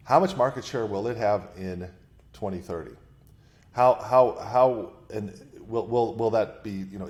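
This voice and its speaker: A man's voice: lowish voice, darkish tone. A man being interviewed about investing, who talks in bursts with many restarts and thinks aloud. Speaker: investment manager guest. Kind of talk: podcast interview.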